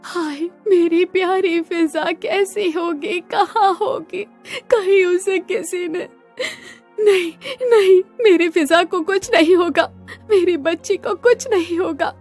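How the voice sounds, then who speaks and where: A woman doing a cartoon granny with a low, slow, scolding voice who fiercely guards her goats and turns tearful and pleading over them. she sounds old and stubborn, with a slight lift of high pitch under the put-on gruffness. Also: fairly even intonation, darkish tone, faint music behind, full character voice. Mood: distraught. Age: older. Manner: scolding, then weeping and pleading.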